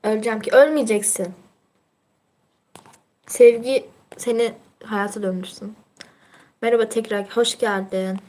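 A woman's voice: a little high, fairly even intonation, measured pace, long pauses, darkish tone. A teenage girl chatting casually on her livestream, reading out viewer comments in a teasing, chatty way and laughing often.

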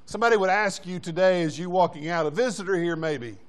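High-voiced man preaching a sermon. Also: quick pace. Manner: exhorting, repeats short commands, asks the congregation questions. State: out of breath. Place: church sanctuary.

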